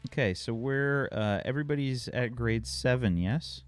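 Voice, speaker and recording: A man's voice: mid-range voice, moderate pace, clear, resonant tone. A man running a tabletop game as game master, talking in a casual, joking, conversational way.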